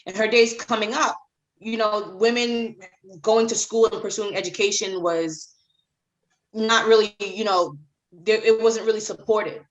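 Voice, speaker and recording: A woman's voice: mid-range voice, fairly even intonation, a little slow, muffled recording. A middle-aged woman from Haiti, a children's author talking as a guest in a podcast interview, emphatic and repeating phrases for emphasis.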